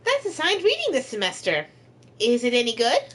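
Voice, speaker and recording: High, lively woman reading game text. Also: brisk, husky. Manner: animated, playful, giggly narration. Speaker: streamer playing a visual novel. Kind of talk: reading game text aloud, casual stream chat.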